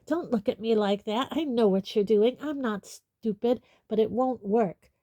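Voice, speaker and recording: Woman reading as a bratty teen boy, snappy and loud, higher than her usual voice. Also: unhurried, no room sound. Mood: angry, defiant. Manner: angry, snappish. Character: sullen teenage boy, arrogant and defensive.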